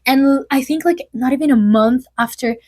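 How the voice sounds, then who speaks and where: Young adult woman, slightly high voice, casual gossipy vlog delivery full of fillers. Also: normal speed, mellow. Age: early 20s. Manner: chatty, filler-heavy, lots of "like". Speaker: vlogger.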